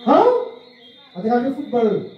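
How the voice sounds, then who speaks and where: At a public talk on spiritual practice, a French man speaking for a spiritual movement questions the audience and repeats key phrases. His voice is extremely high-pitched and expressive, at a measured pace, with lo-fi sound and soft background music. The room is very echoey, he's far from the mic, and there's faint noise.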